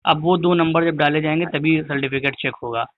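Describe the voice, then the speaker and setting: A teacher patiently explaining to a caller over a crackly cordless phone line, repeating his points until they are clear. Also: a little high, fairly even intonation, fairly quick. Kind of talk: phone call advice. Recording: tinny, noisy phone line.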